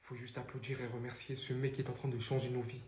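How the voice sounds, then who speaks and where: A man's voice: mid-range voice, level tone, quick pace, a little mellow. A man delivering a scripted football analysis as a commentator, with emphatic wording full of praise. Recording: echoey room, faint noise.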